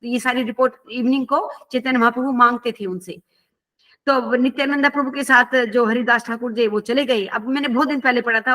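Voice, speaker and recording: A woman's voice: fairly high pitch, fairly bright tone. A woman teaching a scripture class, telling a story conversationally and asking her listeners questions.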